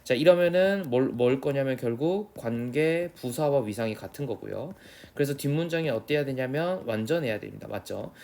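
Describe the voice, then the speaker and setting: A young male English teacher with a Korean accent, giving an exam prep lecture, reading the English lines slowly and then explaining them in quick, casual talk. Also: medium pitch, lively intonation, vocal fry, darkish tone.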